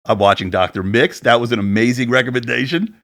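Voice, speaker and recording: A deep-voiced man in his forties co-hosts a podcast from his home setup, talking into a studio dynamic mic. He chats casually and rambles a bit, joking at his own expense about his sound gear. His pace is quick and his tone fairly bright.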